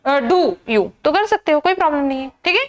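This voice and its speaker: Indian woman teacher, very high voice, drills exam grammar with repeated questions. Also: lively intonation, brisk. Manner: repetitive drilling with rhetorical questions. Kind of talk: exam-prep grammar lesson.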